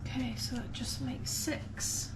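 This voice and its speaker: Slow-paced woman chatting through home baking. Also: sits high, steady tone. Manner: chatty, unhurried step-by-step commentary. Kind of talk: casual chatty baking vlog. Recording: clear background noise, room ambience.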